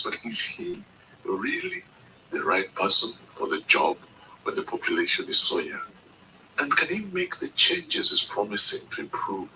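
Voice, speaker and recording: Bright, probing male interviewer. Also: low-pitched, distant mic, a little hiss or hum, low-quality recording. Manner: measured, probing questions. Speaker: podcast host and interviewer. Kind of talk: scripted narration and interview.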